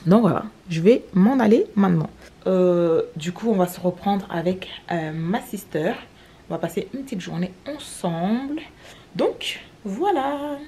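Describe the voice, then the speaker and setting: A woman's voice: lowish voice, expressive, moderate pace, mellow. Chatty young woman vlogger, from Cameroon. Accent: French. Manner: chatty, rambling, many fillers. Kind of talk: casual vlog chat.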